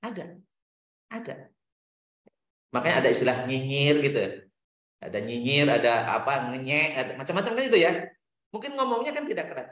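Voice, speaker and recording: Animated preacher man in an echoey room. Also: fairly quick, long pauses. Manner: animated storytelling, swinging pitch, Arabic recitation. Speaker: Islamic preacher. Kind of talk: religious lecture answering questions.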